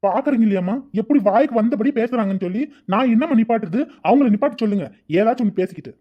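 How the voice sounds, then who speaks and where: A performer plays a defiant young cartoon character who argues and protests against his aunt, speaking at a racing pace. The medium-pitched voice stays close to an everyday one. Faint music sits under dull, lo-fi audio.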